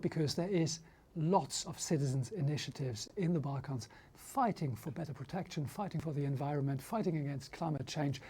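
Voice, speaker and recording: A man opening a panel debate as its moderator, speaking in a measured way and slowing down to stress key points. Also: fairly high pitch, a little mellow.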